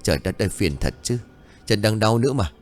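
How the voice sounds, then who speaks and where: Vai người chồng quê cộc cằn, hay càu nhàu, giọng trầm do người dẫn truyện đọc. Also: male voice, lowish voice, expressive, brisk, soft background music, lightly acted. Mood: grumbling. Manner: curt, grumbling. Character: gruff stubborn village husband.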